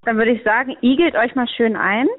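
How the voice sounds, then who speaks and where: A woman's voice: a little high, steady tone, fairly quick, dry recording. A woman podcast co-host chatting casually and laughing easily, heard over a phone line. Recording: tinny dry phone line.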